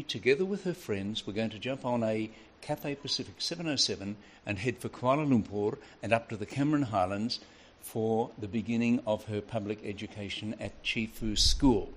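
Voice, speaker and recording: An older man preaching a sermon, telling a family story with a lively, varied delivery. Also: lowish voice.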